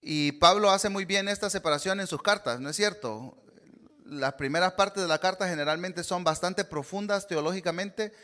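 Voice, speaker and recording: A man, preaching a sermon as a visiting speaker. His voice sits a little higher than most men's. He talks earnestly, with frequent "eh" fillers and tag questions to the congregation. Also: bright, forceful tone. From Honduras. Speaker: guest preacher.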